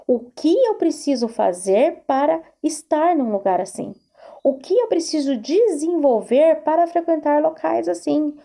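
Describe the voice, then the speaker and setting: A woman's voice: high voice, gravelly, mellow. A woman therapist giving an earnest self-help talk to camera, repeating herself and asking rhetorical questions. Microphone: recorded video to camera.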